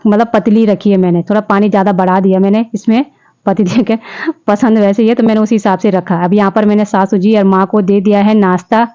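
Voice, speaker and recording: A woman's voice: mid-range voice, mellow, highs cut off. A young woman vlogger chatting through her daily chores in a casual voice-over, often repeating herself and quoting her family.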